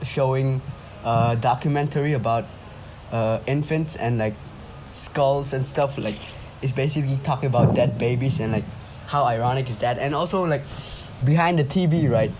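A man's voice: mid-range voice, normal speed, background noise. A young man from Indonesia chatting and telling stories casually in slangy frat-bro talk full of bro and dude. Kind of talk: casual chat and storytelling. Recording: music playing behind the voice.

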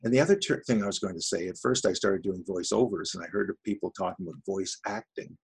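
Retired man in his sixties, low husky gravel, loose and rambling, interview guest. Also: fast. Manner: rambling, self-deprecating, with frequent restarts. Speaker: voice-over artist guest. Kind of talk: casual interview chat.

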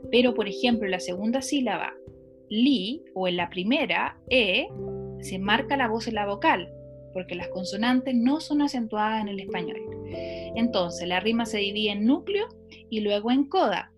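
A woman teaching a lesson, explaining step by step and quizzing a student with questions. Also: a little high. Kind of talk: lecture on phonology.

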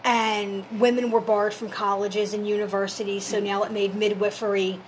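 A woman's voice: medium pitch, flat delivery, normal speed, a little hiss or hum, poor audio. A woman talking informally as a storyteller, explaining folklore and history step by step in a conversational way.

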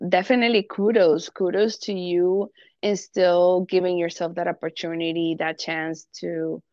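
A woman hosting a podcast from her living room, chatty and quick to laugh as she talks over her guest. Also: lowish voice, level tone, darkish tone, dry recording, highs cut off. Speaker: podcast host. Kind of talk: casual interview chat.

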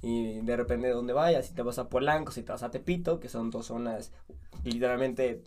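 A male podcast host with a mid-pitched voice, quick to joke and swear, who slips into loud mock voices. His talk is loose and casual. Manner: joking, swearing, loud impressions. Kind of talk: casual chat.

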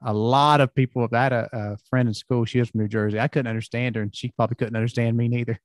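A man's voice: mid-range voice, little pitch movement, fast talker, no room sound. A middle-aged man with a Southern US accent hosting a casual interview, telling folksy, rambling stories. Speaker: podcast host.

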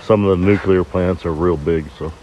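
A man's voice: low-pitched, steady tone, moderate pace, muffled recording, slight background noise. A man in his fifties from Arizona, giving plain, short answers in a casual interview at a campground. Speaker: interview guest. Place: campground outdoors.

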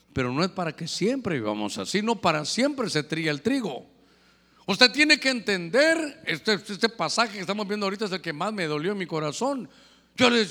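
A man preaching a lively sermon as pastor, firing questions at the congregation, in an echoey hall. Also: sits high.

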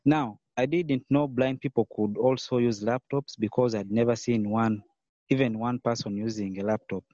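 Man, thirties, measured storytelling, warm low tone, lo-fi dry recording. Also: steady tone, no echo. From Uganda. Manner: earnest, measured storytelling with pauses and "uh". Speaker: guest. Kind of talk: podcast interview, telling his life story. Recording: dull, lo-fi, dry sound.

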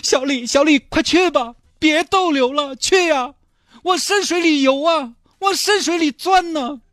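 A man with a Sichuanese accent voicing an excitable, soft-hearted man who gushes and wheedles for a dolphin's life. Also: unhurried, no echo, clean studio sound. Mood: tender. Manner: shrill, gushing, wheedling.

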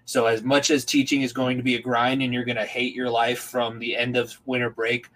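A man's voice: mid-range voice, little pitch movement, a little fast, a bit bright, rough recording. A young adult man hosting a casual podcast, talking earnestly and reflectively about teaching, with rambling restarts.

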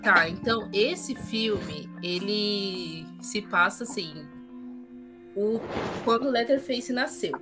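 A woman co-hosting a casual movie review podcast, talking in a chatty, drawn-out way with fillers. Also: medium pitch, music in the background. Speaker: podcast co-host.

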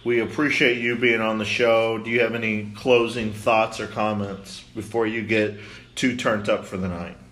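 A man's voice: on the low side, flat delivery, normal speed, fairly bright tone. A man hosting a podcast in casual banter, teasing his guest with mock interview questions. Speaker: podcast host. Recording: roomy, noisy room recording.

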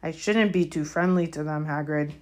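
A woman's voice: deep voice, fairly even intonation, normal speed, lightly acted. A woman voicing a spiteful, gloating male caretaker who speaks in a sneering, menacing, colloquial way. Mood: cold. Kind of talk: audiobook character voice.

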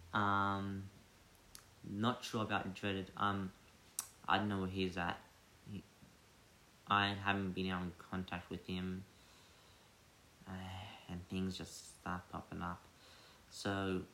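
Slow-talking young man, bright tone. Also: sits low, slight background noise. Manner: rambling, filler-heavy, laughs often. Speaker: podcast host. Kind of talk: casual chat. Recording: echoey room.

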